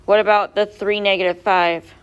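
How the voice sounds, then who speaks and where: A woman's voice: medium pitch, little pitch movement, normal speed, clean tone. A woman teacher going over quiz answers step by step in a classroom, asking her students questions as she goes. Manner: patient, step-by-step, quizzes students. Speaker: math teacher.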